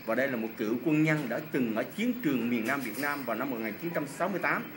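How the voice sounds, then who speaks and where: A man's voice: medium pitch, quick pace. A middle-aged man from Vietnam interviewing casually and politely, often repeating answers back. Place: indoor swimming pool hall. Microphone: phone at arm's length. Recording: noisy indoor pool, phone recording.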